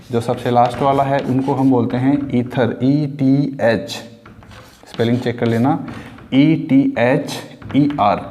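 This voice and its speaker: A man's voice: medium pitch, warm tone, big-room sound. A male chemistry teacher with an Indian accent, explaining a lecture step by step, asking questions and answering them himself, mixing English terms into Hindi. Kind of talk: classroom lecture.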